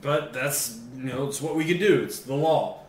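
Seated at a kitchen table indoors, this young American co-host of a beer tasting show keeps things loose, informal and profane. He speaks at a normal speed with a medium pitch. The sound comes from a camera mic across the table, and the small room echoes over a steady hiss.

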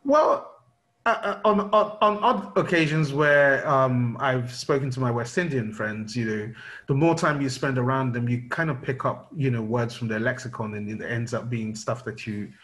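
On a video call from home, a fifties-aged Londoner from the UK interviews someone through his webcam mic. His medium-pitched voice is fairly bright and moves at a normal speed, though he often restarts and leans on fillers.

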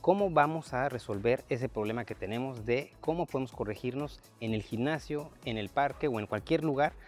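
A man's voice: mid-range voice, moderate pace, soft background music. A man in his thirties hosting a casual fitness chat outdoors in a park, talking loosely with fillers, on a lapel mic. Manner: relaxed, conversational, frequent fillers. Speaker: fitness coach and host. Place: outdoor park workout area.

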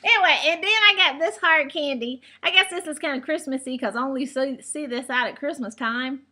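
Bright-voiced chatty woman vlogging. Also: high voice, a little fast. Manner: chatty, rambling storyteller with laughs. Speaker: beauty and shopping vlogger. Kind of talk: casual chat to camera. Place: home room.

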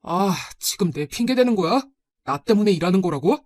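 A woman's voice: medium pitch, animated, brisk, darkish tone, no room sound, lightly acted. Resentful teenage son, pointed and reproachful, read by a woman narrator. Dry, close sound. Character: nineteen-year-old son, resentful but gentle with grandmother. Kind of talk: storybook narration.

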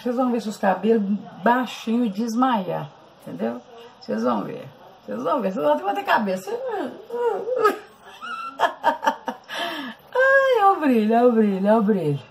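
A woman's voice: medium pitch, vocal fry, a little mellow, slight background noise, low-quality recording. A Brazilian woman vlogger, chatting with her viewers as she tells a story and shares a hair-care tip. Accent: Brazilian Portuguese. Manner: chatty, constantly addresses viewers.

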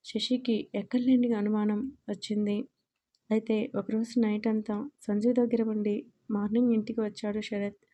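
Soft-toned woman reading a love story. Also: mid-range voice. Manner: reads every part in her own voice with little change; occasional small slips and self-corrections. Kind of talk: scripted story narration.

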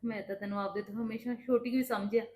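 A woman with a Punjabi accent playing a patient daughter-in-law who calmly reassures her sister-in-law. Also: a little high, quick pace, reverberant, close to an everyday voice. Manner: calm, reassuring, explaining at length. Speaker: daughter-in-law in a family drama. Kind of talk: scripted family drama acting.

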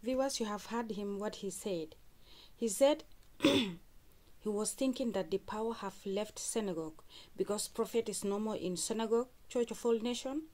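A woman's voice: mid-range voice, moderate pace, a little mellow, a little hiss or hum. A woman hosting a fan channel, talking viewers through church clips and repeating what was said. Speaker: channel host commentator. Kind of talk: reaction commentary.

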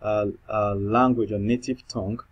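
His voice is lowish and steady, at a moderate pace, and the audio sounds dull. He's a programming tutor, not a native English speaker, talking through a screen-recorded coding tutorial in accented English while thinking aloud with many fillers and restarts.

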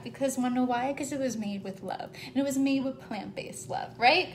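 Brief: young woman, bright high voice, bubbly live-stream cooking host, faint rumble behind her. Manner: bubbly, gushing, upbeat, addresses viewers as "guys" and "love". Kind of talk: live-stream cooking chat, reading viewer comments. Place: home kitchen.

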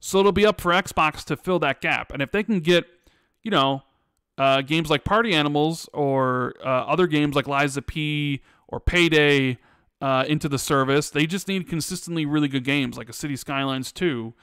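A man's voice: on the high side, normal speed, clear, resonant tone, no room sound, studio quality. A man hosting a gaming podcast, chatting casually and reading out viewer questions. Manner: relaxed, thinking aloud with fillers. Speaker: podcast host. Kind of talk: casual podcast chat, reading super chats.

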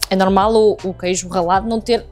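Speaking a little fast in a mid-range voice with fairly even intonation, this young cooking vlogger addresses her viewers directly as she prepares food in her home kitchen. Her accent is European Portuguese, the tone is a casual tutorial, and soft music plays behind her.

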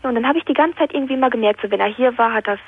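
A woman's voice: on the high side, rapid-fire, breathy edge, no echo. Nervous 18-year-old woman on tinny phone. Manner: nervous, rambling, fills with "ne?" and acted-out quotes. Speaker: caller. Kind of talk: telling a personal story on call-in radio. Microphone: telephone.

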